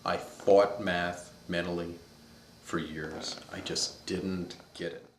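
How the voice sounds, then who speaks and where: Speaking slowly with a low pitch and fairly even intonation, this upstate New York man in his fifties recalls childhood stories during an interview recorded in an echoey room. His manner is thoughtful and storytelling, with pauses as he hunts for words.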